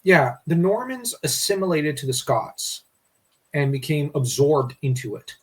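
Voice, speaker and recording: Rambling man with a higher voice. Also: big pitch swings, unhurried, breathy edge. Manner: rambling, restarts often. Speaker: podcast co-host. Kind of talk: casual history discussion.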